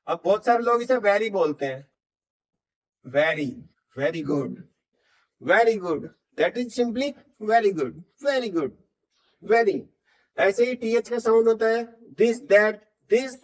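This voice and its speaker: A male English teacher gives a classroom-style lecture, explaining in Hindi and repeating short English example sentences for students to copy, drilling phrases and posing rhetorical questions. His voice is very high with a darkish tone, and the audio is dull.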